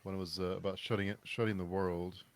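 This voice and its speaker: Very deep-voiced rambling podcast host. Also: male voice, little pitch movement, a little fast. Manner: musing, rambling questions with fillers. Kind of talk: casual book discussion.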